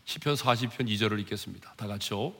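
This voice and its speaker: A male pastor preaches a sermon at a fast pace, sinking into hushed, low asides and then climbing loud and high as he plays the part of mockers and presses the congregation. The sound has a big-room quality with slight background noise.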